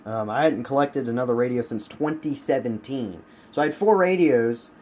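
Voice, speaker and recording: Indoors in a room at home, an American radio collector stands behind a handheld camera and presents his collection in a casual, unscripted review, often repeating himself for emphasis. His mid-range voice is a little mellow and moderately paced, with clear background room noise.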